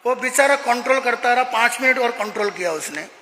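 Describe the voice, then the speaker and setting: A man's voice: very high-pitched, animated, a little fast, pushed and bright. A male Jain monk giving an emphatic, moralizing sermon in a prayer hall, acting out stories. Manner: emphatic, moralizing, acts out dialogue. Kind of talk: sermon with storytelling. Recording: echoey hall with long reverb.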